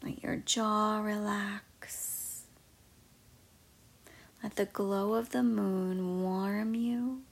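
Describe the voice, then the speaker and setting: A woman guiding a meditation in a soft, slow, mostly whispered voice. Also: medium pitch, level tone, gravelly. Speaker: meditation guide. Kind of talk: guided meditation.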